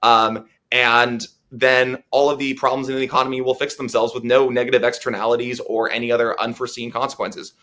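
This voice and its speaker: A man's voice: mid-range voice, flat delivery, a little fast, few pauses, sharp tone. A man as a policy analyst guest in a political interview, talking earnestly with many fillers and restarts.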